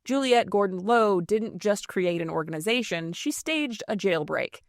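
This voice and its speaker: A woman narrates a history podcast from a script, her delivery snarky and irreverent. Her voice sits at an ordinary middle pitch. It sounds dry and close, with no room around it. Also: lively intonation, normal speed, no room sound.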